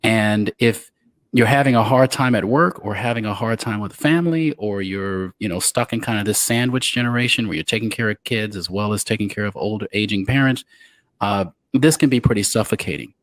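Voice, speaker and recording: A man hosting a leadership podcast, speaking in a halting way with frequent filler sounds. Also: lowish voice. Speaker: podcast host. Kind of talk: podcast talk.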